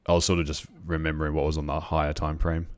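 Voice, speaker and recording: A man on a live trading stream, explaining chart setups to viewers in a halting way, with many restarts and ums. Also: rumbling low, level tone.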